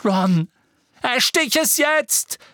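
A man voicing a desperate teenage boy wizard who shouts harsh commands. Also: very high voice, expressive, very slow, dry recording, studio quality, pitched above the performer's own voice, exaggerated voice. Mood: urgent shouting.

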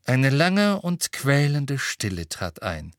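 A man narrating an audiobook with steady, expressive storytelling. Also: medium pitch, takes it slowly, dry recording, clean studio sound. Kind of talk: audiobook reading.

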